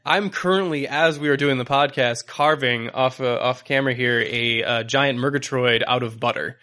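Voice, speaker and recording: A man's voice: medium pitch, normal speed, sharp tone. Rambling, laughing male podcast host. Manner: rambling, laughs often, many fillers. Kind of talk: casual podcast chat.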